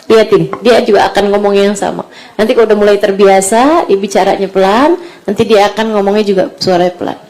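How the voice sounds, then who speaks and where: A woman giving an Islamic sermon to mothers, moving between soft, hushed advice and lively raised storytelling. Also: medium pitch, fast talker. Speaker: preacher.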